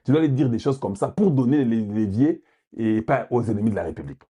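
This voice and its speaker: A man from Congo with a Congolese French accent, delivering heated, forceful political commentary and repeating points for emphasis. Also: mid-range voice, animated, a little fast, breathy edge, highs cut off. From Democratic Republic of the Congo.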